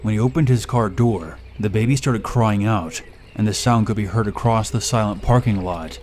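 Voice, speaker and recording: A man reading a first-person horror story aloud in a steady, measured way. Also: fairly low pitch. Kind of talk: scripted horror story narration.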